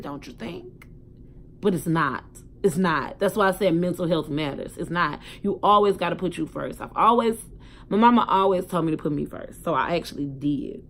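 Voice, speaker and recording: A young woman, telling her personal story to a phone camera in a candid, emphatic way, swearing freely and swinging between loud outbursts and quiet reflection. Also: fairly low pitch, animated, moderate pace, vocal fry. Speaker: vlogger.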